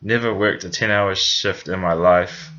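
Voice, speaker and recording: This vlogger is a young New Zealander who recounts his own experiences casually, with plenty of fillers and self-corrections. His deep voice is bright and forceful, a little slow, with fairly even intonation and a New Zealand accent. The audio is dull with slight background noise.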